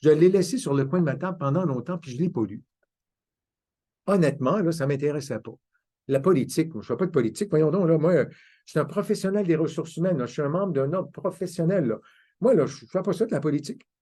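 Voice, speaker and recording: A man's voice: fairly high pitch, lively intonation, fast, dark tone. An older man, giving a conference talk as a self-mocking, anecdotal storyteller. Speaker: conference speaker. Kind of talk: storytelling lecture.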